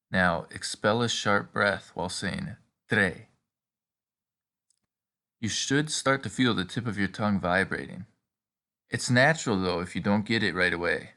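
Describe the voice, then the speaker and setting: Male tutorial narrator, low register with a bright, forward tone; instructional and encouraging. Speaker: pronunciation instructor. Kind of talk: scripted step-by-step tutorial narration.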